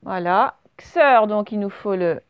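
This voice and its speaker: A French woman teacher giving a slow dictation lesson to young children, stretching out words and spelling letters. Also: medium pitch, clean tone, highs cut off. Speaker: primary school teacher.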